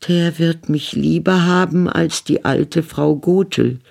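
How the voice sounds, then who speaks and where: A woman's voice: low-pitched, slow, creaky, darkish tone, pitched above the performer's own voice, full character voice. A woman reading a fairy tale audiobook, voicing a naive young girl locked in a tower who pleads and wonders in a childlike way. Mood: hopeful.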